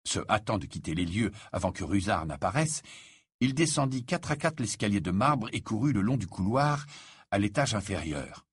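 Husky man narrating an audiobook. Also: fairly low pitch, normal speed, no echo, clean studio sound. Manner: expressive, dramatic reading. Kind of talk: scripted narration.

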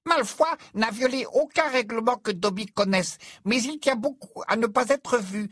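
A tiny, eager house-elf, played by a woman, squeaking earnestly in a high, slightly breathy voice. He is devoted and formal, and he sounds close and dry. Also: moderate pace, dry recording. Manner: earnest and breathless, always addressing his master formally. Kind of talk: audiobook character voice.

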